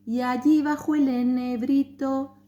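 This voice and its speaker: A woman voicing a magical bird, a murdered boy reborn, in a slow sing-song chant. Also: mid-range voice, expressive, highs cut off, close to an everyday voice.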